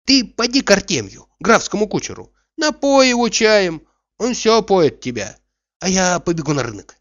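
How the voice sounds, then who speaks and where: A man's voice: high-pitched, sing-song, normal speed, fairly bright tone, no room sound, voice pushed up. A shrewd peasant housekeeper, voiced by a man. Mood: brisk. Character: quick-witted peasant housekeeper woman. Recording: dull, dry recording.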